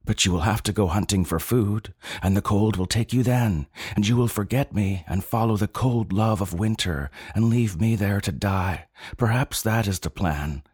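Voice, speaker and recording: A man's voice: lowish voice, normal speed, hardly any pauses, a little mellow, breathy edge, no room sound, studio quality. A man voicing a fearful young alien creature. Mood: fearful pleading.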